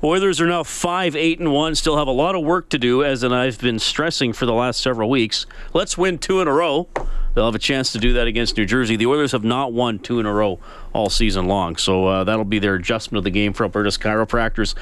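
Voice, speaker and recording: A man's voice: medium pitch, fairly quick, fairly bright tone, clean tone. A man hosting a post-game sports radio call-in show, close on a studio microphone. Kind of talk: post-game radio talk with sponsor reads. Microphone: close broadcast microphone.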